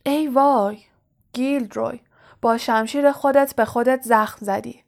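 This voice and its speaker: A woman reading the lines of a wise, kindly old male headmaster in a storybook audiobook, in a calm, soft-spoken way. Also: fairly high pitch, vocal fry. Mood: gentle, kindly.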